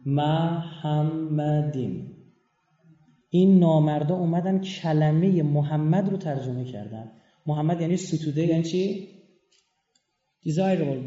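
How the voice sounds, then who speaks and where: High-voiced man lecturing in a roomy hall. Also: mellow. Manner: emphatic, explanatory, spells out letters one by one. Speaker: religious lecturer. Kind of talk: religious lecture with scripture readings. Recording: roomy, dull lo-fi recording.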